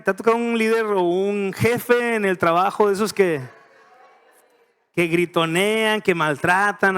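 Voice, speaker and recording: A man's voice: sits high, fairly bright tone. A middle-aged man with a Mexican Spanish accent teaching a casual Bible study as pastor, chatty and joking, often asking his listeners questions.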